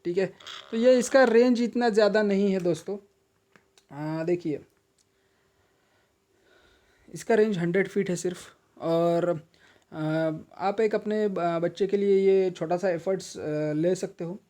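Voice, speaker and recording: This product reviewer, an Indian man, keeps a measured pace while explaining an unboxing in an instructional, step-by-step way. His voice is fairly high with a relaxed, darkish edge, and he pauses hesitantly and repeats his tips.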